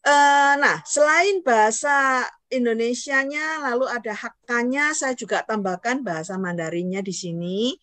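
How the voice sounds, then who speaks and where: Unhurried and fairly high-pitched, her bright voice recorded dry, a woman teaches Hakka online. She models tone syllables patiently for learners to repeat, often checking understanding with "ya".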